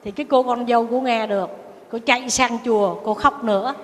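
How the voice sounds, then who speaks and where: A Buddhist nun tells a teaching story in an animated way, often turning to her listeners. Her voice sits high. Long reverb from the hall hangs behind her words. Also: a little fast. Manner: animated storytelling, addressing the audience. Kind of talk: storytelling sermon.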